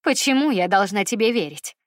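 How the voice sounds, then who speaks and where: Lady putting on a cold contemptuous mom, harsh and loud, pitched up a bit, dry close sound. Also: fairly quick, dry recording, lightly acted. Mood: scornful. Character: harsh scornful middle-aged mother, quick to anger.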